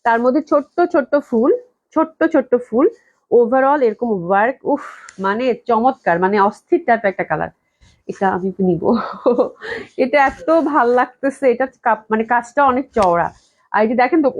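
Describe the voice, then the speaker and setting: A woman runs a live online dress sale and talks at a rapid clip, her voice sitting somewhat high. She gushes over every item and repeats her praise again and again. She is getting over a cold, so a cough keeps breaking through. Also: expressive. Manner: gushing, enthusiastic, repeats praise. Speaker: clothing shop owner selling dresses live. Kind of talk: live online sales stream. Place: indoors at the company office.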